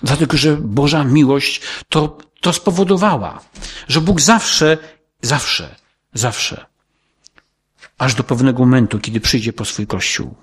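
Male preacher, husky voice, earnest and pleading, repeats himself for emphasis. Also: medium pitch, a little slow. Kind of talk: sermon.

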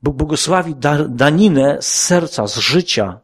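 Addressing his congregation earnestly, a man preaches with lively intonation, a measured pace and a breathy edge. He asks rhetorical questions and sinks his voice low for quotations.

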